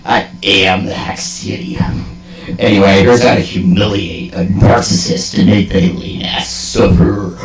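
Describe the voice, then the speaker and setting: A man's voice: sits low, fairly even intonation, a little slow. A man delivering a mock-philosophical comedic rant in profane bro slang, with hammy, theatrical emphasis and swagger. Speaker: host of a comedic monologue. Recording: roomy echo, music behind.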